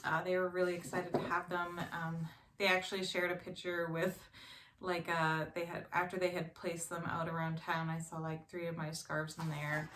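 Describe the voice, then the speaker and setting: A woman's voice: lowish voice, completely flat delivery, normal speed, a bit bright. A woman in her thirties chatting casually as a knitting vlogger, rambling and correcting herself with lots of fillers. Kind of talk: casual show-and-tell chat. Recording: echoey room with faint noise.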